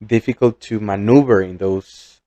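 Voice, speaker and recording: Low-voiced reflective man. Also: steady tone, moderate pace, warm tone, no room sound, lo-fi sound. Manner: reflective, hesitant with repeated words. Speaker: podcast co-host. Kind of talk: casual chat.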